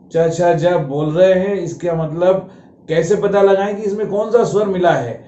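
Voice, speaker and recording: High-voiced man teaching grammar, roomy sound. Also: mellow, muffled recording. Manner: patient, explanatory, asks and answers his own questions. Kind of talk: grammar lesson explaining on a board.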